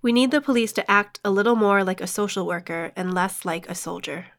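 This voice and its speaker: A woman working in social services, speaking firmly and in a measured way in an interview. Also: medium pitch, fairly even intonation, a bit bright.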